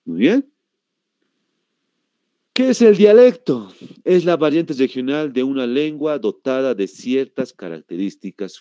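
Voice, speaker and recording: Slow Bolivian man teaching a class. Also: medium pitch, warm tone, dry recording. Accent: Bolivian Spanish. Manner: asks the class questions and answers them himself; repeats words slowly to show pronunciation. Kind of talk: classroom lecture.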